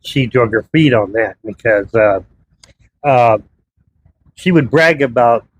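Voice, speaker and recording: A man's voice: medium pitch, expressive, slow, a little hiss or hum, low-quality recording. A man in his fifties telling personal stories in a rambling, casual vlog monologue from his townhouse. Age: 50s. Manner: rambling, conversational storytelling. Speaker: vlogger.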